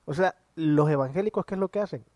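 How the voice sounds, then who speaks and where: Male co-host, highish voice, dry sound, animated and argumentative. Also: quick pace, no room sound. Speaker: podcast co-host. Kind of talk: casual chat.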